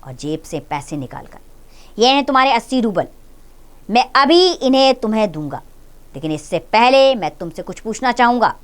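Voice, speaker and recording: A woman teacher voicing a stern, angry male householder who lectures and nearly shouts at his maid. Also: a little high, very animated, normal speed, clear, resonant tone, pitched above the performer's own voice. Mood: lecturing.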